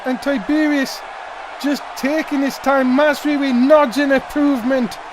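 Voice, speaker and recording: High-pitched, excited male wrestling commentator. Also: unhurried, crowd noise, noisy background. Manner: dramatic, exclamatory calls.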